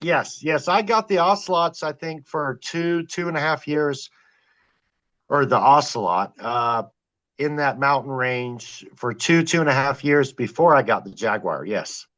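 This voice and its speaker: A man guesting on a podcast, telling his wildlife camera stories in an animated, excited way. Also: mid-range voice, a little slow. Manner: excited, animated retelling with quoted exclamations. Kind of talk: storytelling in a podcast interview.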